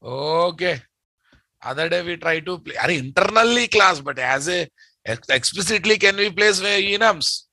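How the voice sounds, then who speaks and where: An Indian man with a Telugu accent lectures students on programming. His voice is bright, hard-edged and a little high, captured close and dry. He drives points home by repeating them and firing questions at his listeners. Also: lively intonation, moderate pace, dry recording. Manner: emphatic, repeats statements and quizzes listeners. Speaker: programming teacher.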